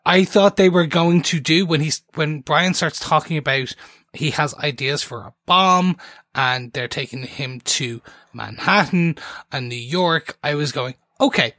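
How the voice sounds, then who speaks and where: A man's voice: a little high, measured pace, sharp tone, no echo, studio quality. A man co-hosting a podcast, chatting casually about a TV episode in a rambling, enthusiastic way that keeps restarting. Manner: rambling, enthusiastic, self-interrupting. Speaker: podcast co-host. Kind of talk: casual TV recap chat.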